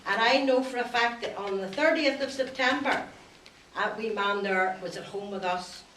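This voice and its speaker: A woman's voice: mid-range voice, normal speed, a bit bright, lightly acted. A woman playing an indignant, doting mother in a comic courtroom sketch, rambling in a folksy, protesting way. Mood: fond, indignant. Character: indignant, doting working-class mother as defence witness. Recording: distant echoey room with faint noise.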